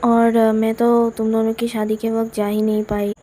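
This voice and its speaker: A teasing, bossy young woman cousin with a mellow, fairly high voice, as a storyteller puts her on. She mocks and needles in a playful way, and the telling stays close to the reader's own voice. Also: monotone, normal speed, a little hiss or hum, lightly acted. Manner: mocking, teasing.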